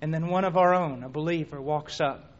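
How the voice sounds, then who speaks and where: A man preaching a sermon, telling a dramatic story that swings between hushed near-whispers and shouts. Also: fairly high pitch, fairly quick. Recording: dull lo-fi recording.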